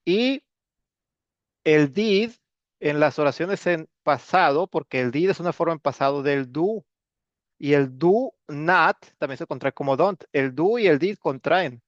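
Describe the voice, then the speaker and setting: A man's voice: on the high side, animated, measured pace, dry recording, dull audio. Casual man teaching English. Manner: casual, joking, with many fillers. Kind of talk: recorded class explanation.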